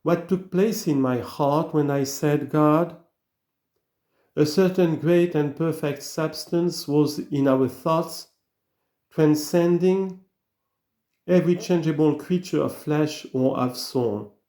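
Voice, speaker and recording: A man giving a slow, earnest reading of an old sermon, full of rhetorical questions. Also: fairly high pitch, mellow, reverberant. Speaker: reader of sermons.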